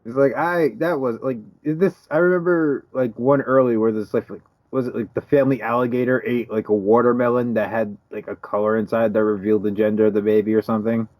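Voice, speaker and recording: A man's voice: medium pitch, steady tone, fast talker, hardly any pauses, darkish tone, dry recording. A man co-hosting a podcast in rambling, wry casual chat full of fillers. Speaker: podcast co-host.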